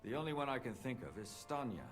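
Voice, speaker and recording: An actor playing a skeptical, worried investigator in a video game, questioning doubtfully in conversational dialogue. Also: male voice, medium pitch, very animated, fast, faint music behind, lightly acted.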